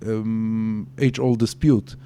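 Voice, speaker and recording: A man explaining as a podcast guest, halting with many restarts and fillers, who speaks natively. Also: on the low side, little pitch movement, warm tone, smooth. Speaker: guest teacher.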